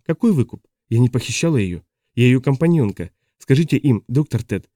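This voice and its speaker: A man's voice: medium pitch, expressive, a little fast, dark tone, no echo, clean studio sound, natural voice. Man reading as a desperate young woman. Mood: indignant. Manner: urgent pleading.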